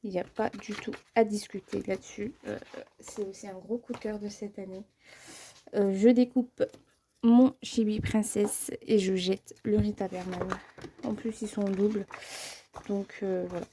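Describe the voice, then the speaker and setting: Slow, mellow-voiced woman vlogging. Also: medium pitch, fairly even intonation, a little hiss or hum. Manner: hesitant, with many pauses and fillers. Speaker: vlogger showing her book collection. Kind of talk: casual vlog talk.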